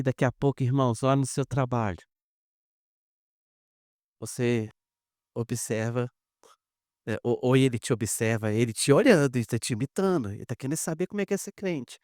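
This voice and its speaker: A Brazilian pastor preaching a conversational sermon, calling the congregation "brothers" and acting out short dialogues. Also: male voice, medium pitch, a little mellow, no room sound, studio quality. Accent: Brazilian Portuguese. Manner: conversational preaching, addresses "irmãos" often; acts out little dialogues in quoted voices.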